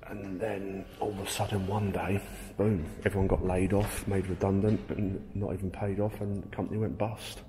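Deep-voiced man in echoey warehouse. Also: flat delivery, moderate pace, few pauses, dark tone. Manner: chatty, swears casually, talks to his friend while filming. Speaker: urban explorer vlogger. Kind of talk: casual walk-and-talk narration. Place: large empty abandoned print works indoors. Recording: echoey warehouse with background noise.

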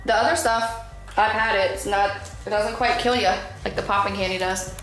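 A woman's voice: mid-range voice, steady tone, normal speed, fairly bright tone. A woman in her thirties chatting casually on a family vlog, playful, teasing and giggly. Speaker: mother, family vlogger. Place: tiled room at home. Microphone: handheld camera at arm's length. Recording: echoey room, music over the talk.

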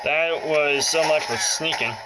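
A Let's Play host gives casual, off-the-cuff commentary, muttering short reactions to the action in a voice on the high side at a measured pace. Loud music and game audio from a handheld console play over his voice, and the recording is low quality.

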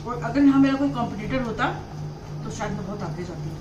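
A woman's voice: a little high, animated, quick pace, highs cut off, music in the background. A woman in her thirties chatting casually between mouthfuls during a food challenge at home. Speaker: vlogger doing a food eating challenge. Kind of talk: casual chat while eating. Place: small tiled bedroom at home, seated on floor. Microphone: camera a few metres away. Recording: roomy, distant mic, loud background noise, clattering dishes.

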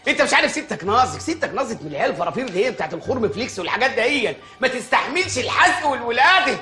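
A blustering Egyptian village mayor, who rattles off exasperated comic rants at breakneck speed. His voice sits very high for a man and sounds bright and forceful. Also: sing-song, reverberant, faint music behind, full character voice. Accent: Egyptian Arabic. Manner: rapid, exasperated comic ranting. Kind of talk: comic film acting.

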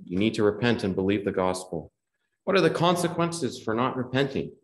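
A man's voice: fairly low pitch, very animated, brisk. A man preaching a gospel sermon in a hall, earnest and repetitive, quoting scripture in old wording. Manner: earnest, repeats key phrases, quotes scripture in old wording. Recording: echoey hall.

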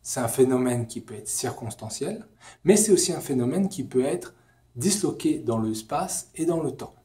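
A young man in his twenties explaining a theory in a casual lesson, lively and gesturing, with many fillers, filmed in an empty lecture hall. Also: medium pitch, moderate pace. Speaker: educational video host.

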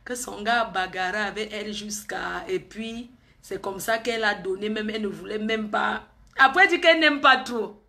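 A woman's voice: medium pitch, normal speed, creaky, bright, forceful tone. A woman, chatting and gossiping on a live stream, teasing and often laughing.

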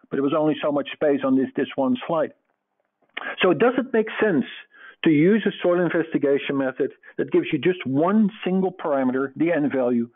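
A middle-aged man from the Netherlands with a Dutch accent, giving an earnest, explanatory webinar lecture with frequent fillers. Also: a little high. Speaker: presenter. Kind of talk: webinar lecture over slides. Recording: tinny phone-like webinar audio.

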